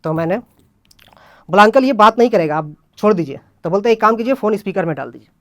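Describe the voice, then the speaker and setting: A man's voice: high-pitched, quick pace, dry recording, studio quality. Young man telling a comic story on stage. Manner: acts out friends' voices in a lively retelling. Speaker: open mic performer. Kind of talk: stand-up storytelling. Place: open mic stage.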